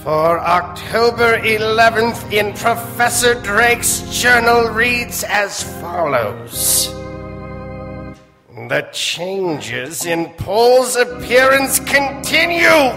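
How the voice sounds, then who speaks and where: A man plays a macabre doctor narrating old-time radio horror. He speaks extremely slowly in a slightly high voice, theatrical and ominous, over organ music in a reverberant stage space. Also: full character voice. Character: macabre, leisurely male doctor telling eerie tales. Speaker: host and narrator.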